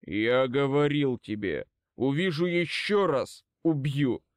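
A gruff old wizard, voiced by an audiobook reader, barking harsh orders in a raised, growling voice. The sound is close and dry, with no room around it. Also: male voice, on the high side, expressive, measured pace, no echo. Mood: angry gruff. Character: stern old male wizard, furious, gruff. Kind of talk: audiobook reading.

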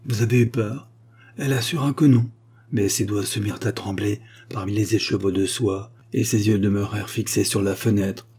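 A man reading a short story aloud in a steady, even storytelling manner. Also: on the low side, moderate pace, husky. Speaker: audiobook narrator.

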